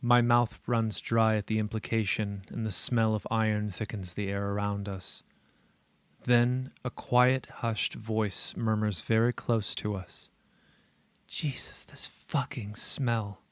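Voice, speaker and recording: A man reads a first-person horror story in a steady, measured way. His voice sits low. The recording is dry and close, with no room around it. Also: clean tone, no echo. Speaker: narrator.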